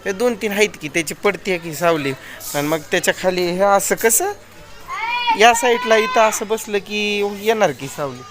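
A man's voice: high-pitched, moderate pace, over music. A man, chatting casually to viewers in a daily village vlog, filming on his phone. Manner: chatty, addresses viewers directly. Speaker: vlogger.

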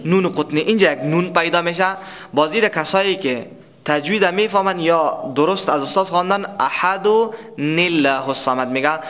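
A man teaching tajweed, explaining recitation rules and quizzing students before answering himself, with verses chanted slowly as examples. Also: a little high, a bit bright. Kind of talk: tajweed lesson.

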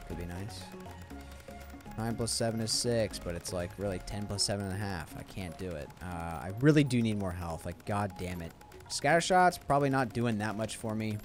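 A young man giving casual gameplay commentary, thinking out loud and correcting himself as he goes. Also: fairly low pitch. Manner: chatty, thinks aloud, self-correcting. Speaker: gaming YouTuber. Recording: music playing underneath.

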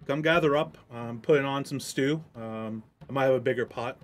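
A man's voice: medium pitch, moderate pace, soft background music, natural voice. Field: a man doing a hearty dwarf traveler. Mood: hospitable. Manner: hearty and welcoming. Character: gruff squat dwarf man, an armored hospitable traveler.

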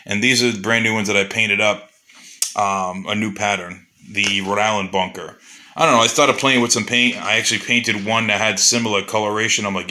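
In an indoor workshop, a man who crafts custom lures chats loosely with customers in a casual shop update, leaning heavily on fillers. He has a lowish voice with a sharp tone.

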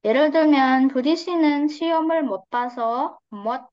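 Female language teacher, slow modeled words, muffled dry call audio. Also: sits high, dry recording. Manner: patient, drawn-out model pronunciations. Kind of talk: online class explaining grammar. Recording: dry, slightly dull online call audio.

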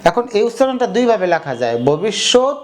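A young man teaching an online grammar lesson, explaining step by step and saying example words again slowly. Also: high-pitched, a little mellow. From Bangladesh.

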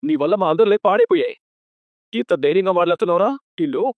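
An actor, sounding furious, portrays a bossy, quick-tempered elder brother scolding and threatening his sister in a television serial. His pitch sits high with a sing-song lilt, and he talks quickly. The lo-fi recording is dull and dry, with no room sound.

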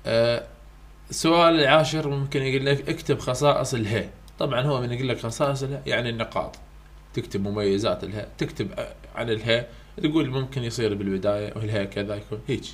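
Speaking at a quick pace in a mid-range voice, a man with an Iraqi Arabic accent tutors university English, casually and repetitively covering exam question types. He mixes English terms into this exam-prep lesson.

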